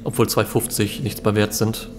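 A man's voice: lowish voice, flat delivery, normal speed. Young man, casual game commentary, faint noise. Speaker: let's player. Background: game ambience.

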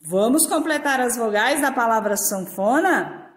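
A Brazilian woman teacher with a Brazilian Portuguese accent guides young children through a lesson, drawing out her syllables in a slow, sing-song way. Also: a little high, lively intonation. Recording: echoey room.

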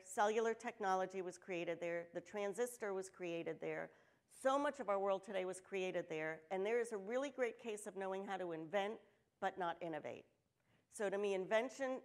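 This keynote comes from an older woman hailing from New Jersey in the United States. Her talk is story-driven, candid, and lively, sprinkled with humorous asides, delivered in a mid-range voice from a large auditorium stage to a crowd.

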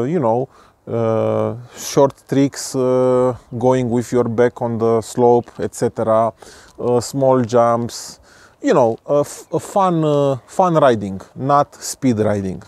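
A man's voice: medium pitch, warm tone, no echo. A man in his thirties, a vlogger, hesitantly reviewing skis outdoors at the foot of a ski slope, speaking with many fillers and restarts to a camera at medium distance. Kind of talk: casual product review vlog. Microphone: camera on a tripod at medium distance.

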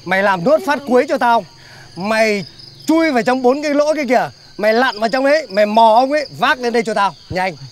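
A man's voice: very high voice, lively intonation, a little fast, slight background noise. An actor playing a brusque, impatient older village man who commands everyone around him in a slapstick comedy film. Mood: commanding. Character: bossy older village man barking orders.

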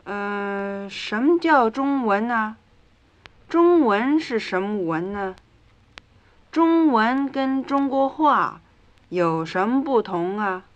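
A woman reads her side of a scripted lesson dialogue slowly and deliberately. Her voice is mid-pitched for a woman. The recording is dull and lo-fi, typical of a 1950s record. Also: expressive. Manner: slow, deliberate reading of drill lines.

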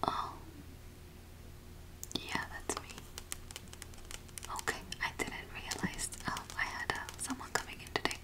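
Whispered role-play, woman playing casual female eye doctor, soft breathy whisper, halting one-sided patient chat, close mic. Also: natural voice, poor audio. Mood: casual, chatty. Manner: halting, murmured one-sided conversation with pauses for replies. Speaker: ASMR performer. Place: small home office, indoors. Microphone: large microphone close beside her.

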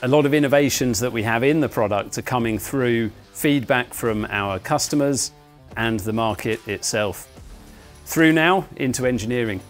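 A man, a company founder walking viewers through his offices and factory, explaining things in a measured way with frequent "uh" fillers. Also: medium pitch. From England. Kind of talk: guided walking tour presentation. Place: large indoor offices and factory floor. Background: faint music.

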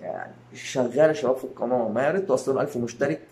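A man's voice: mid-range voice, rapid-fire, a little mellow. A man with an Egyptian Arabic accent, hosting his own channel and talking to his viewers in a rambling way, with many fillers and restarts. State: tired. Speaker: YouTube channel host. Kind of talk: casual channel update to viewers.

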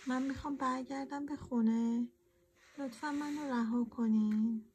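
A woman voicing a stubborn little wooden stick man in a storybook, louder and raised. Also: sits high, fairly even intonation, a little hiss or hum, voice pushed up, lightly acted. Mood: protesting.

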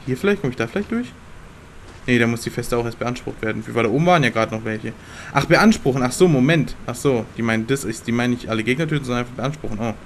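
A young man commentating his gameplay in a slangy, excitable way and talking back to the game characters. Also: medium pitch, fast talker, slight background noise. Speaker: let's play gamer.

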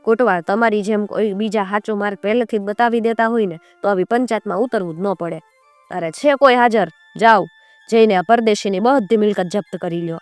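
A woman's voice: mid-range voice, dry recording, natural voice. A foolish, commanding king from a folk tale, told by a woman storyteller, speaking. Dry, close sound with faint music behind. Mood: approving. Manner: commanding, quick to rule. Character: foolish decree-giving old-time male king.

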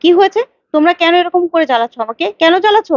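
A woman's voice: high voice, expressive, fast talker, no echo. A woman voicing an older village mother who is secretive and scolding, on a dull lo-fi recording. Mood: anxious, shrill. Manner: defensive, scolding, shoos visitors away.

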